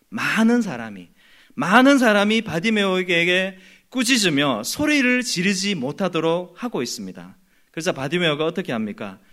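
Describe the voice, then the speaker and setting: Animated male preacher, lively pitch. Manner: animated preaching, acts out crowd voices. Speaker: pastor. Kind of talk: sermon.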